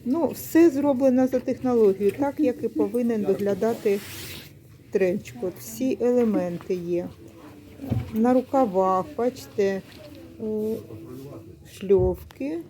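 A warm-toned, unhurried woman's voice on the high side narrates a casual vlog. She is middle-aged, discussing secondhand clothes in a secondhand shop indoors, going through each item calmly and correcting herself mid-word.

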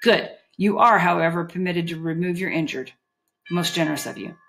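A towering male bodyguard in a storybook reading, cool and clipped, giving orders with quiet menace, as a woman reads him. The voice sits fairly low and never rushes. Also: vocal fry. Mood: stern. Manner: clipped, commanding, dry.

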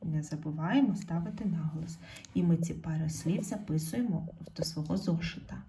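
A woman teaching a primary school spelling lesson. She speaks slowly and clearly, calls out example words loudly and drops almost to a whisper when stating the rule. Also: sits low, slight background noise. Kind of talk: slow, clear classroom explanation.

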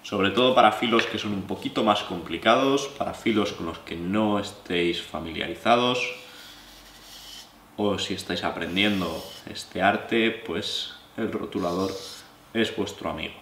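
Young Spanish man with a lowish voice, relaxed hands-on sharpening tutorial, faint background hum. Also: a little slow, echoey room. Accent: Spanish from Spain. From La Mancha, Spain. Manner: relaxed, explanatory, chatty asides. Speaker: knife sharpening instructor. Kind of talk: hands-on tutorial, addressing viewers. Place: living room, seated at wooden table.

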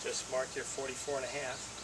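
A middle-aged DIY instructor gives a relaxed, plain, step-by-step demonstration of wiring a solar setup, talking as he works outside by a house and later in an indoor workshop. His mid-range voice runs a little fast, and the slightly distant camera audio is very noisy with faint ambience.

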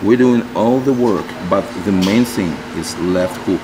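Earnest low-voiced boxing coach. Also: male voice, noisy background. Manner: halting, searching for words, earnest. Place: open-air boxing gym.

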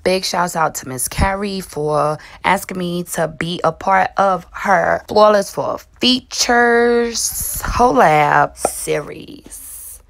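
A woman's voice: on the low side, slow, creaky. A young woman from Alabama, chatting playfully to camera as she reviews a wig, calling viewers sis and boo and sometimes dropping to a whisper. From Alabama, USA. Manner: playful and joking, calls viewers sis and boo, drops to a whisper now and then.

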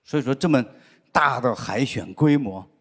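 On a large indoor studio stage before an audience, a middle-aged stand-up comedian with a Sichuan accent tells stories into a handheld mic, full of drawn-out "啊" ("ah") fillers. His storytelling is lively, his voice medium-pitched with a breathy edge, and audience laughter sounds in the background.

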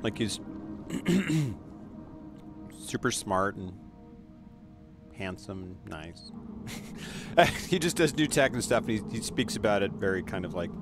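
A man's voice: lowish voice, very animated, slow, pauses often, over music. A man from Costa Rica chatting casually in a playful, joking way. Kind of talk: casual chat. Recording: noticeable background noise.

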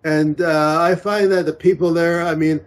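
Man on video call, slightly high voice, halting, lots of ums and restarts, laptop webcam mic. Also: fairly even intonation. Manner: halting, many restarts and fillers. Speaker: singles event organizer. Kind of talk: casual video call chat. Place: small room indoors.

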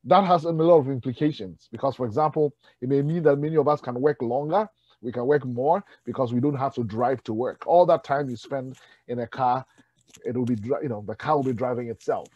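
A man's voice: medium pitch, brisk, a little mellow, husky, dry recording, muffled recording. A man giving a keynote talk at a leadership summit, conversational, with asides and stories.

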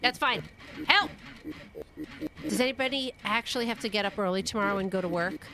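A woman in her thirties chatting casually on a live horror game stream, exclaiming like an excitable, scared player. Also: medium pitch, a little fast. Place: indoor room, live stream. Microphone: close studio microphone on arm, headset. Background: game music.

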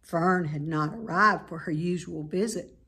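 In a small room at home, an American woman in her fifties reads a children's book aloud in a measured, expressive way. Her voice is lowish and husky.

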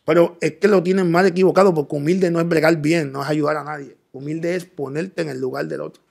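Man, gravelly, slightly high, earnest testimony. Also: fairly even intonation, fairly quick, darkish tone. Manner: earnest storytelling, quoting himself in dialogue. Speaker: interview guest. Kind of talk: personal testimony in interview.

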